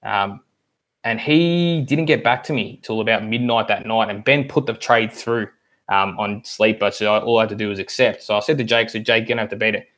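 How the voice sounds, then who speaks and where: A man's voice: on the low side, brisk, fairly bright tone. A man in casual podcast chat, rambling through a long story with many ums. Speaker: league member guest.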